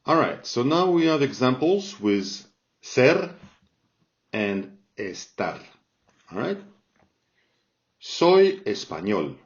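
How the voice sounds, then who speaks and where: In a language lesson, a Spanish teacher with a middle-pitched voice explains grammar slowly and patiently, frequently asking "all right?" after each point. Though his pace is careful, he's very animated, and the recording sounds dull and somewhat lo-fi.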